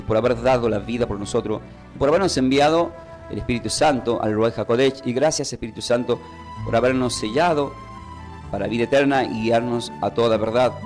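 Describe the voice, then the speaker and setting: A man's voice: mid-range voice, a little mellow. A man, preaching a live-streamed sermon as a pastor and explaining word meanings step by step. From Argentina.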